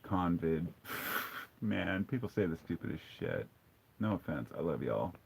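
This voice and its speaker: A man hosts a casual live stream, reading viewer comments and answering them bluntly, profanely, and sarcastically, with frequent restarts in his conversational talk. His deep voice is gravelly and husky, unhurried, with lively intonation.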